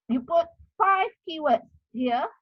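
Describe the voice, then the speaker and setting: This academic talk on article writing comes from a middle-aged Malaysian university lecturer whose high voice carries a Malaysian English accent. Her explanations are repetitive and filler-heavy, recorded dry with the highs cut off.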